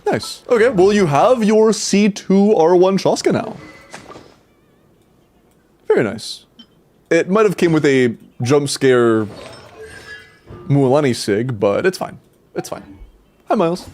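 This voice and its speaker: Fairly high-pitched and sing-song, a young man streams a game at a measured pace, pausing often, his tone darkish with faint music behind him. Stuffy and congested, he rambles through restarts in casual chat with viewers, tossing in swears and laughs.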